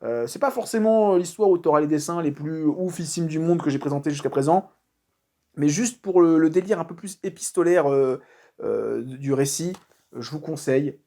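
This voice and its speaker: A man's voice: a little high, moderate pace, mellow. A man casually talking through a comic book review, informal and chatty, with frequent fillers and restarts. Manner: informal slang.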